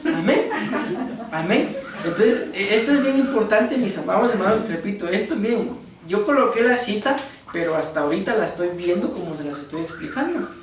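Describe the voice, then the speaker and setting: A man's voice: high voice, lively intonation, a little fast. A man with a Costa Rican accent preaching a conversational sermon, joking and asking his congregation rhetorical questions. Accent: Costa Rican Spanish. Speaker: pastor. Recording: very echoey room, voice from far off.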